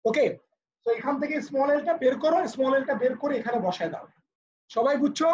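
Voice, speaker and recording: A man's voice: very high voice, quick pace, darkish tone, a little hiss or hum. Man, Bangladeshi accent, physics teacher, patient explainer, muffled video call audio. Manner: patient, explaining step by step, switching to English for terms. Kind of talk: live online lecture. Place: online live class.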